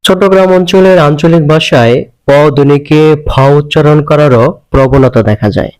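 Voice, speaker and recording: A man giving a lecture on regional dialect sounds, reading out word pairs one by one in a careful, measured way. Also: on the high side, darkish tone, low-quality recording. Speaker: language teacher.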